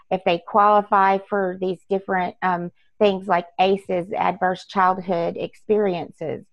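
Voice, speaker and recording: A woman's voice: medium pitch, creaky, dry recording, muffled recording. A woman author being interviewed, talking earnestly in long run-on lists. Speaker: author guest. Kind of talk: casual interview talk.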